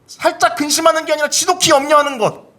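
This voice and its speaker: A male pastor preaching a sermon in a church service. He is animated, acts out inner voices with big swings in pitch, and has the congregation repeat key phrases after him. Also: fast talker.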